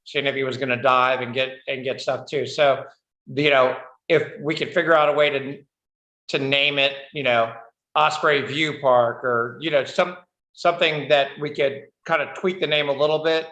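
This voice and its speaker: A man on a city council talks in a loose, rambling way. His voice is bright. The sound is echoey and a bit dull. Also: mid-range voice, fairly even intonation, normal speed. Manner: rambling, many fillers. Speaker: council member. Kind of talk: council meeting discussion.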